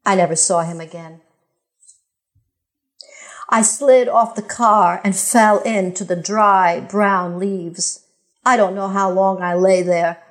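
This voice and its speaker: An older woman reading a scripted first-person account in a plain, composed storytelling manner. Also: mid-range voice.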